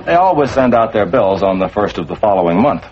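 Patient suburban father, middle-aged, American, gently wry, expressive pitch, 1950s sitcom, dull noisy soundtrack. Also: brisk, a loud crowd. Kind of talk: 1950s family sitcom acting.

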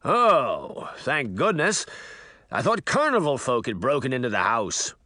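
A man's voice: mid-range voice, wildly swooping pitch, measured pace, bright, forceful tone, exaggerated voice. A man voicing a vain, theatrical magic mirror that brags and sulks in a showy way. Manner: pompous, showy bragging.

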